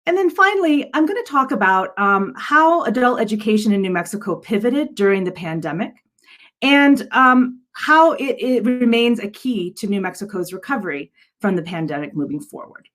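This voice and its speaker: This adult education director has a medium-pitched, expressive, slightly bright voice and keeps a moderate pace. She gives an earnest, hesitant slide presentation to an audience at a virtual event held over video call.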